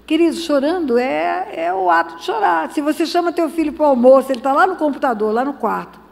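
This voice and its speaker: A woman pastor preaches with a high voice, swinging between near-whispers and shouted peaks. Her sermon rings with the long reverb of a large hall. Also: a little fast, vocal fry.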